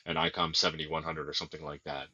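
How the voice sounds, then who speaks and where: A man's voice: rumbling low, flat delivery, fast, pushed and bright, highs cut off. A man on a live stream answering viewer questions about ham radio gear in an explanatory way.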